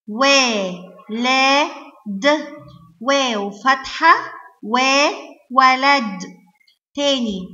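A woman with an Egyptian Arabic accent teaching young children to read, sounding out letters slowly and praising them often. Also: high-pitched, bright, forceful tone, dull audio. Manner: slow, drawn-out sounding of letters, praising and coaxing. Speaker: kindergarten teacher. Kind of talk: online phonics lesson for young children.

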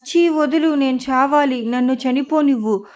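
A woman's voice: high voice, normal speed, natural voice. A woman reading a story, voicing a distraught young woman who lashes out with bitter accusations. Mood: desperate. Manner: shouting, accusing. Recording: dull lo-fi audio.

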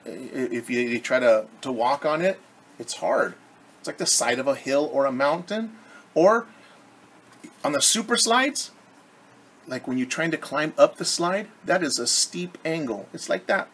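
In a home living room, a middle-aged man expressively reads a story to children, teacher-style, stopping to explain words simply. His voice is medium-pitched and fairly bright, with lively intonation and an unhurried delivery. Room noise is clear in the background, and he's at arm's length from the camera.

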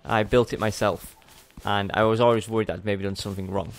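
A man's voice: fairly low pitch, steady tone, fast. A young man giving casual gameplay commentary as a let's play host, chatty and rambling, often correcting himself mid-sentence.

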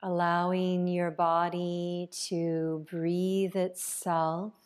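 Speaking as a yoga nidra teacher, a woman leads a guided meditation with a calm, unhurried pace and long gaps between phrases. Her voice is smooth and on the low side.

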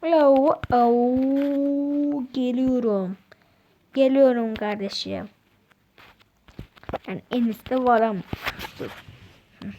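A woman chats through her gameplay in a casual, excitable way, half talking to herself, half to her viewers. Her voice sits somewhat high. The home recording is noisy, with a hiss and clicks under it. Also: takes it slowly, long pauses, lo-fi sound. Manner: chatty, excitable, talks to self and viewers. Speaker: gaming channel host.

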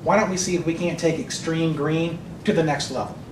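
Brisk male show host, a bit high, recorded from afar in a noisy room. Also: steady tone. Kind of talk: mock news hosting. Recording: distant, echoey, noisy.

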